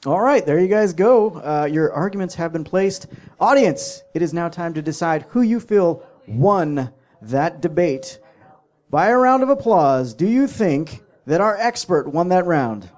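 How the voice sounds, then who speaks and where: A man's voice: on the high side, lively intonation, a little slow, a little mellow. A man hosting a live comedy debate show, joking and teasing the contestants and audience.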